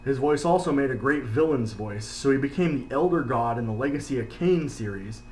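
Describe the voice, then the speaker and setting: A man's voice: medium pitch, expressive, brisk, over music. A man reading scripted narration for a countdown video. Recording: roomy, echoey, faint background noise.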